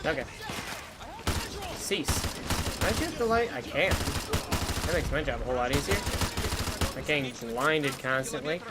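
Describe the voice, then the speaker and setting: A man's voice: mid-range voice, animated, normal speed, very noisy. A man streaming a shooter game, talking back to the game characters in a dry, joking way, his voice still worn from illness. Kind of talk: casual gameplay commentary. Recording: loud game gunfire behind voice. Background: game gunfire and explosions.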